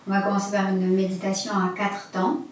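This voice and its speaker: A woman's voice: mid-range voice, monotone, fairly quick. Woman, breathing instructor, step-by-step guiding, very roomy sound, faint noise. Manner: explanatory, with guiding step-by-step phrases. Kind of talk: guided breathing instruction, conversational. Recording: very echoey room, distant mic, faint noise.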